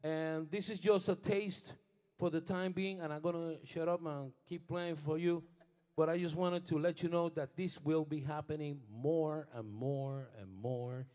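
Playing bass on an indoor studio stage with a band, a middle-aged bandleader from Puerto Rico talks into a stand microphone in a fairly high, slightly mellow voice. He moves slowly with fairly even intonation, mixing Spanish and English and faltering over words before rising to fervent, preacher-like encouragement during the band introductions.

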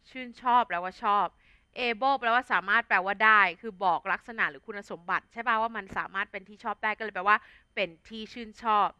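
A woman's voice: mid-range voice, fairly quick, pushed and bright, smooth, dry recording. A young adult woman with a Thai accent teaching an English vocabulary lesson in a chatty, casual way, full of fillers and tag words. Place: studio.

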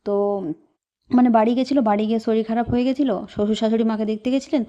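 A woman telling a worried personal story in a casual vlog, speaking softly with many hesitations. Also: on the high side, fairly even intonation, rapid-fire, highs cut off. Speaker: vlogger.

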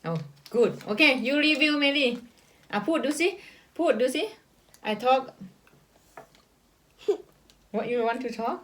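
A woman in her thirties from Thailand with an Isan Thai accent. She gives casual vlog narration at home and gently coaxes her young children, recorded on a camera left running on a table. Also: sits high, animated, very slow, long pauses. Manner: gently coaxing and instructing her young children between asides to viewers. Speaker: mother and vlogger. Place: family home indoors.

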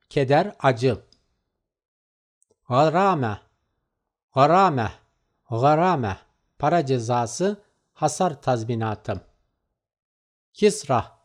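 A man slowly reading vocabulary lists, saying each word twice and then its meaning, with measured pauses. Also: medium pitch. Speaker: vocabulary teacher. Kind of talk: slow word-list recitation.

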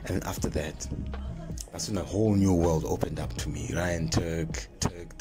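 Deep-voiced and steady at a moderate pace, a young adult from Zimbabwe vlogs for his drift fan page, speaking informally to camera in his Zimbabwean accent. Music plays behind him in a small plain room as he talks into a phone held near his mouth.

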